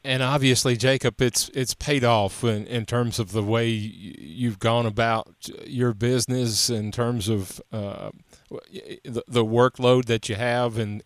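A man with a Southern US accent, asking casual interview questions in halting, rambling phrases. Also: medium pitch, fairly even intonation, no room sound.

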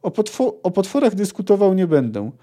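A man reading aloud and voicing a gruff, bossy male dwarf leader who shouts commands and curses. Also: high voice, big pitch swings, fairly quick, pitched above the performer's own voice. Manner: loud, cursing commands.

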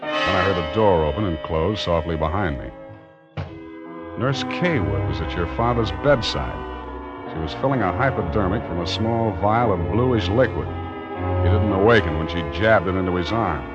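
An actor playing a wry, suspicious private detective who also narrates, clipped and sardonic in 1940s radio style. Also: male voice, sits low, expressive, moderate pace. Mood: narrating. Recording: muffled old radio broadcast with loud music.

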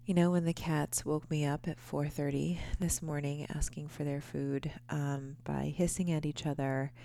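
A woman in her thirties hosting a podcast, talking quietly and half-whispering in a groggy early-morning voice at home, with many ums. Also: sits low, little pitch movement, moderate pace, gravelly. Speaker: podcast host. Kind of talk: casual podcast monologue. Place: quiet home before dawn.

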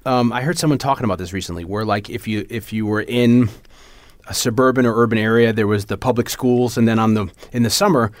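A man's voice: fairly low pitch, fast, no echo. Rambling, jokey male podcast co-host. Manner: joking, rambling, laughs often. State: jittery from coffee. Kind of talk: casual chat.

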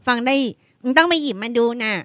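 A woman co-hosting a casual podcast chat, explaining research findings in a relaxed way. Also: sits high, fast, no echo. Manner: explains research points, laughs easily. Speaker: podcast co-host.

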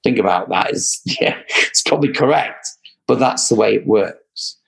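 A man's voice: fairly low pitch, lively intonation, moderate pace, vocal fry, a bit bright, husky, rough recording. A man with an English accent, a credit repair business owner giving earnest, repetitive advice in a casual chat. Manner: earnest, advising, repeats for emphasis. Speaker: credit repair company guest.

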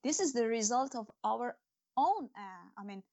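An author who speaks English as a second language talks earnestly about faith and her stories as an interview guest, restarting often and using many fillers. Her voice is fairly high and animated, with a darkish tone and a moderate pace.

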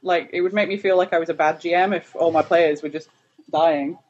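A chatty player keeps the turn order at a tabletop game, teasing the others and laughing often. The voice sits mid-pitch with a faint noise underneath. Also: fairly even intonation, brisk, lo-fi sound. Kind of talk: casual chat at a game table.

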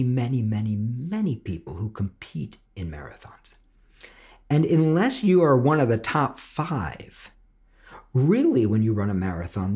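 Here a mellow, medium-pitched male voice delivers motivational podcast teaching on screenwriting. He hammers points home with emphasis and repetition, often pausing for rhetorical check-ins.

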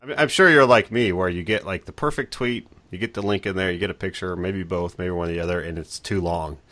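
A man's voice: low voice, fast talker, pushed and bright. A man hosting a tech podcast, chatting casually with easy laughs and plenty of fillers.

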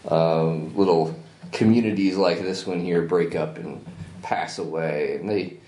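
A man's voice: deep voice, fairly even intonation, unhurried, mellow. A man working as game master, casually narrating a tabletop game. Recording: roomy tabletop recording with faint noise.

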